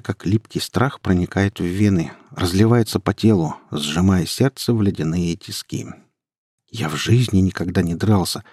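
A young man narrating a first-person story in a measured, low-key way. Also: darkish tone, breathy edge, dry recording, clean studio sound. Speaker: audiobook narrator.

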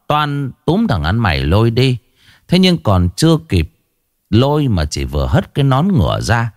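A man's voice: mid-range voice, no room sound, clean studio sound. A man narrating a ghost story with dramatic, rising and falling delivery.

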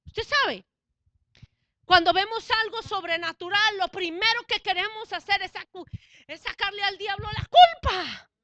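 Animated, bright-voiced woman preacher. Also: very high voice, unhurried, slight background noise. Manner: animated, swings from hushed to shouted. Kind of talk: sermon.

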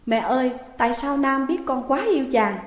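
A woman doing a heartbroken young woman, shrill and desperate. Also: expressive, normal speed. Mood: sobbing. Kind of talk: audiobook reading. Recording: echoey room with long reverb.

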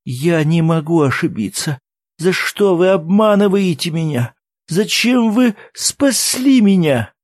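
Man putting on a sobbing aging woman, high and pleading, dry close sound. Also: lively intonation, extremely slow, long pauses, a little mellow, slightly rough, dry recording, heavily acted.

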